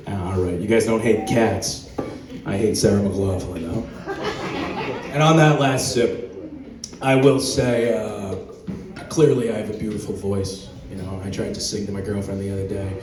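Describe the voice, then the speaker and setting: A man performing a stand-up comedy set on a club stage, delivering dark one-liners in a deadpan way. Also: lowish voice, moderate pace, over music. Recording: roomy club sound from far off, crowd laughter.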